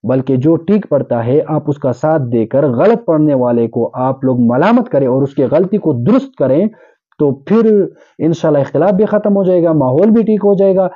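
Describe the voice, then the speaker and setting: Heard through narrow, tinny audio, a man with a slightly high, expressive voice preaches an earnest Urdu sermon as an Islamic preacher, exhorting his listeners and using everyday examples to explain.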